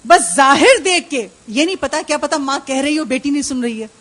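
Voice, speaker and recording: Woman giving a fervent majlis sermon, high voice, asks the crowd questions a lot. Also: expressive, fairly bright tone. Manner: impassioned preaching with rhetorical questions and acted household voices. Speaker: female religious speaker (zakira) at a majlis.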